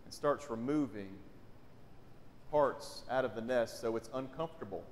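With a medium pitch and moderate pace, a pastor preaches in a conversational style, often putting questions to the congregation. A faint hiss or hum sits under his pulpit mic, and the large indoor sanctuary gives a long reverb.

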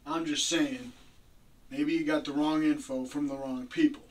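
A man's voice: on the high side, steady tone, normal speed, lightly acted. A young man playing a defensive suspect under interrogation, insistent and slangy. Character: defensive young male suspect living with mom. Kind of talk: amateur acted interrogation scene. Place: small room, camera across the room. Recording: distant mic, noisy room.

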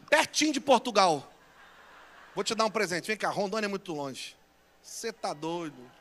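A Brazilian pastor making playful, teasing announcements and bantering with a live conference crowd. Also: male voice, very high-pitched, pushed and bright. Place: large church conference hall. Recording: long echo of a big hall.

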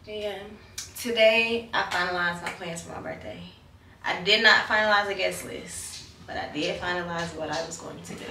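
A woman in her twenties from Texas, chatting casually to camera in a slangy, lively vlog. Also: on the low side, a little hiss or hum. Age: 20s. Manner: chatty, animated, uses slang. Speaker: vlogger. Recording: echoey room, recorded from a distance.

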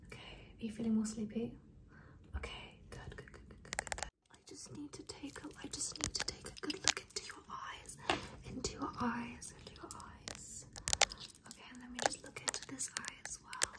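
A young woman in a fast whispered ASMR role-play, playing a businesslike kidnapper from another dimension examining a human captive, close to the microphone. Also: a little high, steady tone, natural voice. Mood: calm, clinical. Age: young adult. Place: small bedroom, indoors.

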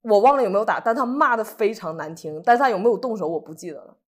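A woman from Northeast China, co-hosting a casual chat, speaks at a medium pitch and a rapid-fire pace. She tells a personal story with lots of animation, acting out what people said.

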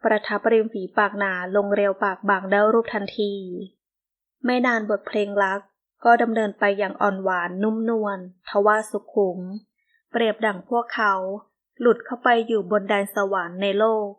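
A woman reads a romance novel aloud for an audiobook. Her voice sits at an ordinary mid pitch, and her delivery is calm and measured throughout. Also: dull audio. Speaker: audiobook narrator. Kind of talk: scripted narration of a romance novel.

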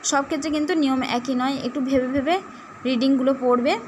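A woman with a high voice runs a primary school language lesson. She goes through example words one at a time in a slow, methodical way. A faint hiss sits under the recording. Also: fairly even intonation. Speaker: teacher.

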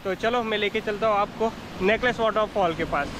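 Excited young man vlogging at waterfalls. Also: high-pitched, brisk. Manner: excited, keeps pointing things out to viewers. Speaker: travel vlogger. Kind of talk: casual travel vlog. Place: outdoors by waterfalls in heavy rain. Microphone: handheld phone or action camera. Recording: loud outdoor noise of rain and falling water.

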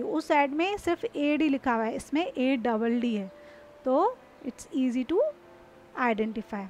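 A woman teaching English homophones in Hindi, who reads the example sentences slowly and asks her students to repeat after her. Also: sits high, a little hiss or hum.

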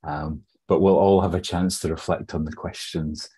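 A man's voice: low-pitched, fairly even intonation, normal speed, mellow, breathy edge. A Scottish man hosting an online workshop on a video call, friendly and hesitant with fillers as he runs through housekeeping. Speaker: host. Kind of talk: webinar housekeeping.

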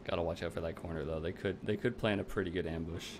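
A man's voice: deep voice, steady tone, fast. A man giving casual, slangy and wry commentary as he plays a video game. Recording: clear background noise, game ambience.

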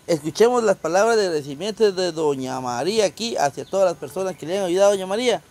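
A man's voice: high-pitched, animated, quick pace, darkish tone. A man with a Guatemalan accent casually explaining things as the host of a charity vlog. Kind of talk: casual explaining to camera and group. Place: outdoors in a rural wooded yard. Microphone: handheld phone.

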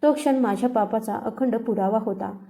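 A woman narrating a dramatic first-person story in a calm, measured way. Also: on the high side.

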